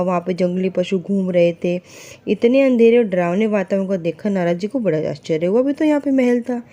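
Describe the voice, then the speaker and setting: A woman's voice: mid-range voice, mellow. A woman retelling a devotional story in a casual, conversational way, asking and answering her own questions, with fillers and self-corrections as she goes.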